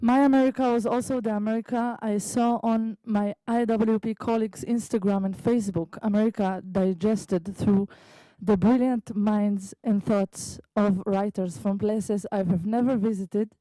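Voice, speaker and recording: A woman from Israel, a native Hebrew speaker, slowly reading her own prose poem at an open mic in a library meeting room, with halting asides. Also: mid-range voice, fairly even intonation, warm tone, dry recording, rough recording. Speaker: visiting writer reading her piece.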